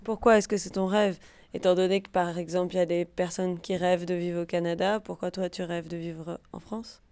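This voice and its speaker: A woman in a group discussion rephrasing a question to make it clear. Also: fairly low pitch, little pitch movement, a little fast, a little mellow. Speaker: discussion participant.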